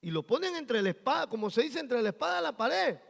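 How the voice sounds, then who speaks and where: Gravelly high-voiced male pastor preaching. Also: very animated, quick pace, big-room sound. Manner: preaching, swelling loud on key phrases. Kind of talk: sermon. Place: church sanctuary.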